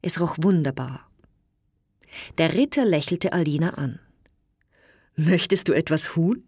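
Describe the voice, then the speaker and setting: A woman reading a fairy tale aloud in slow, clear storybook narration. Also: lowish voice, no echo, studio quality. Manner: slow, clear storytelling with lively voiced quotes.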